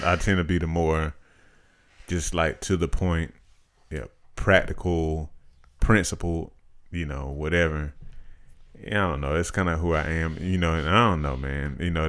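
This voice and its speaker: A man in his thirties co-hosting a podcast, talking in a measured, reflective, casual way. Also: rumbling low, a bit bright. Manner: measured, reflective, practical-minded. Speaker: podcast co-host. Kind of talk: casual chat.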